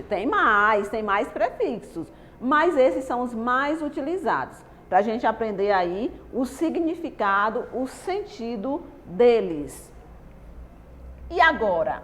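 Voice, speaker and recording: A Brazilian woman teaching young children, her voice pitched fairly high and rising and falling in a very lively way. She explains slowly and patiently, asks the class questions and then answers them herself. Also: a little hiss or hum. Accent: Brazilian Portuguese. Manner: slow, patient, stretched-out explaining. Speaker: primary school teacher. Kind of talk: online lesson for young children.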